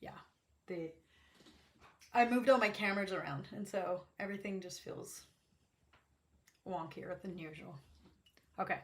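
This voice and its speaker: A woman speaks in a fairly low register with a slightly gravelly edge. She hosts a casual art demonstration in a chatty, unscripted way. Her talk rambles, with self-interruptions and an apologetic manner. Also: unhurried, pauses often. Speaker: host of an art livestream swatching watercolors. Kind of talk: casual chat to camera while demonstrating. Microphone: backup microphone.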